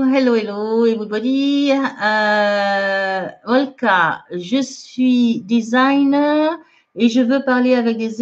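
A woman teaching English in a live online lesson, reading out viewers' comments and correcting them in a chatty way with frequent laughs, mixing French and English. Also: on the high side. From France. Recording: dull lo-fi livestream audio.

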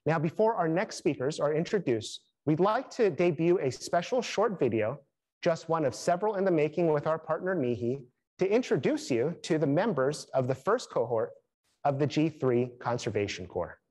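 Young man giving a scripted update. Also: on the high side. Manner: steady, measured delivery listing achievements. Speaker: program director presenting updates. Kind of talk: scripted presentation to camera. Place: studio in front of a green screen.

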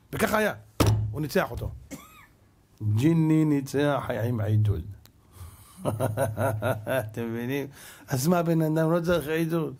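High-pitched impassioned rabbi. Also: male voice, gravelly. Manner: impassioned, swings between loud exhortation and hushed asides. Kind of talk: sermon.

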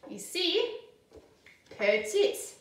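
A woman teaching a simple French lesson to children, speaking slowly and clearly, repeating each word and giving English translations. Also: very high voice, sing-song, fairly bright tone. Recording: very echoey room, voice from far off.

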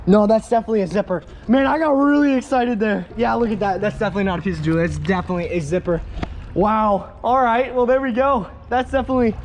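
A young man hosts an outdoor vlog, excitable and quick to laugh. His voice sits very high. He films on an action camera beside a road, and clear traffic noise runs behind him. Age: young adult. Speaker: host. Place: outdoors by a busy road and bridge. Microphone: action camera, chest mount or held at arm's length.

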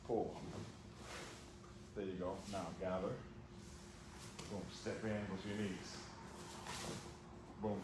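A man coaching judo in a large gym, calling short commands and repeating cues. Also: low voice. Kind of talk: hands-on coaching. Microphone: camera on the floor. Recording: echoey gym with background noise.

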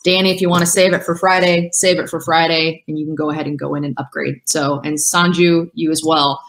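A woman co-hosting a business webinar in a casual, excited, upbeat way. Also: low voice, brisk. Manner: excited, upbeat, says she is yelling. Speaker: webinar co-host.

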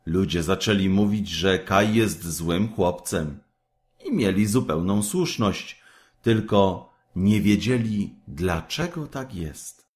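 Slow, lilting male storyteller. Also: low-pitched. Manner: expressive, measured storytelling. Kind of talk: reading a fairy tale aloud.

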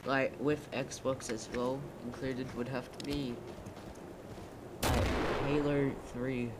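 A man's voice: mid-range voice, little pitch movement, takes it slowly, very noisy. A man, playing along in a casual let's play, laid-back and teasing. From Australia. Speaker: co-player. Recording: game audio with loud gunfire. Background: loud gunfire.

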